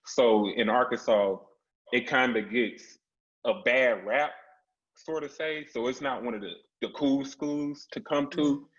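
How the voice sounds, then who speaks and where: A man's voice: mid-range voice, measured pace. A man in a casual panel discussion who speaks plainly and sometimes searches for words. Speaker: panelist, HBCU alumnus. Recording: dull lo-fi call audio.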